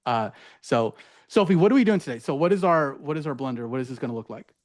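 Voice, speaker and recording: A man's voice: medium pitch, animated, quick pace. A man presenting a teaching strategy at a workshop, in a casual, chatty way with many fillers and tag questions. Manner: casual, filler-heavy, says "right?" often. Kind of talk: conference workshop demo.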